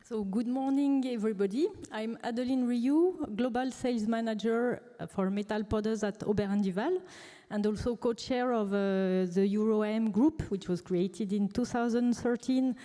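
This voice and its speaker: Woman, formal welcome, frequent fillers, fairly high pitch, echoing hall. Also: moderate pace, dark tone. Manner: hesitant, many filler sounds. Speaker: conference co-chair, sales manager. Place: large conference hall. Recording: reverberant conference hall.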